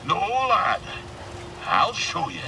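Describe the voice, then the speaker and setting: Gruff old fisherman alien for a game: high, swooping, salty storyteller with a gravelly edge. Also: huge pitch swings, takes it slowly, recorded from a distance, background noise, exaggerated voice. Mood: jolly, teasing. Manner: gruff old fisherman, theatrical sea-dog talk. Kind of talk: animated video game character dialogue.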